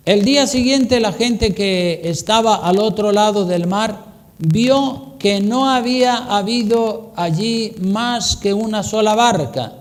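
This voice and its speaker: A man preaching a sermon as pastor, emphatic and repetitive, acting out the phrases he quotes. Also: high-pitched. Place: church hall. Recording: long reverb of a church hall.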